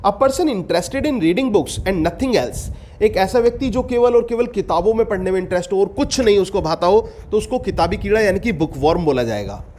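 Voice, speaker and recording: A man, teaching an exam-prep vocabulary class. He reads each definition slowly, explains it, and repeats the answer as a question to his students. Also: high-pitched, lively intonation, a little mellow, a little hiss or hum. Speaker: English teacher.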